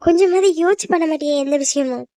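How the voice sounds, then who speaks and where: A woman plays a middle-aged mother in a cartoon drama who scolds her grown son in a reproachful, pleading way. Her voice is high and quick, with a dry sound. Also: warm tone, no echo.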